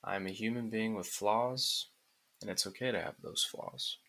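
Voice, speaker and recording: This is a guided relaxation narration resembling a sleep story, delivered by a man whose voice is on the low side. He keeps his phrasing calm, soothing and deliberate, with pauses between lines.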